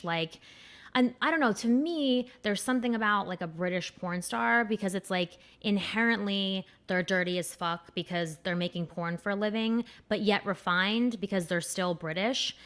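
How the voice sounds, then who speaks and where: A woman's voice: medium pitch, moderate pace, a bit bright. A young woman hosting a podcast, chatting in a candid, crude and rambling way with lots of fillers. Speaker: podcast host. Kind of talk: casual chat.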